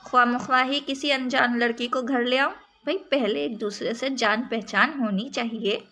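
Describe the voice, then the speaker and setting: A woman's voice: on the high side, steady tone, unhurried, bright, forceful tone. A woman reading the lines of a laid-back, carefree young man in a spoken story, in her own voice.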